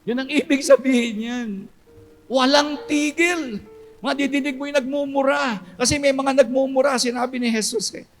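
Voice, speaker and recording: A pastor with a high, bright-edged voice preaches with sharp swings from loud cries down to hushed, low storytelling. Faint music sits softly behind him. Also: male voice, steady tone, fairly quick. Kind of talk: sermon.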